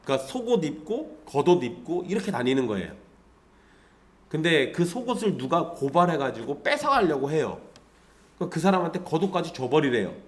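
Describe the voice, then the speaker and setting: Man, pastor delivering a lively conversational sermon, voice a bit high with wide swings. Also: brisk. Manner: lively, conversational preaching with rhetorical questions to the congregation.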